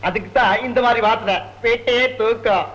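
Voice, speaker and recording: A man's voice: very high voice, fairly even intonation, normal speed, fairly bright tone, a little hiss or hum. An actor playing a teasing husband who mocks his wife, on a dull old film soundtrack. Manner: mocking, bantering.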